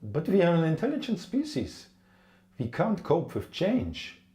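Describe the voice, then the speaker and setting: Woman acting desperate human, sci-fi drama, emotional pleading, very animated pitch, echoing room. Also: slow pace, full character voice. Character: desperate human pleading with an alien emperor for help. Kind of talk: scripted science-fiction drama. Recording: roomy, echoing room sound.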